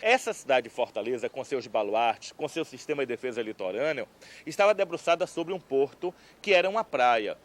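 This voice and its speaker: A man speaking as an expert interviewee, explaining in a deliberate, lecturing manner. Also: mid-range voice, expressive.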